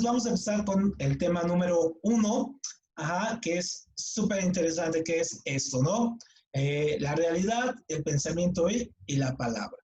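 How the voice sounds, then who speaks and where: A man's voice: a little high, darkish tone, slight background noise, poor audio. Chatty Mexican man teaching a class. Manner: casual, chatty, frequent restarts and repeated words. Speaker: writing workshop teacher. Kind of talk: online class lecture.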